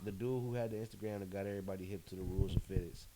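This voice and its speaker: A man co-hosting a casual podcast chat, telling animated stories, acting out quotes and laughing often. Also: low voice, rapid-fire, noisy background. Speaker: podcast co-host.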